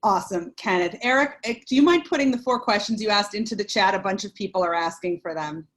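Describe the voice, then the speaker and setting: A woman moderates a webinar in a friendly, brisk way, reading out audience questions and handing them to the panelists. Her voice sits in a middle pitch and stays conversational throughout. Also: fairly bright tone. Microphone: video call.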